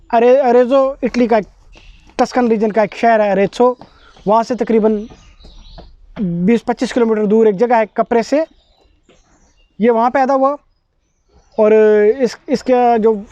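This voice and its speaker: Man, mellow low-key tone, unhurried explainer who pauses for words; dry, dull lo-fi recording. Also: dry recording. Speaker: video presenter on art history. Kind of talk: casual explanatory monologue.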